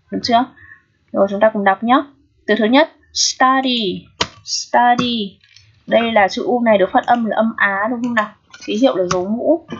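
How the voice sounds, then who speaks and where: Woman, Vietnamese accent, English teacher, patient explaining, a bit high, breathy, dull lo-fi sound. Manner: patient, checks in often with the class. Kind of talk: explaining an exam, step by step. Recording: dull lo-fi audio.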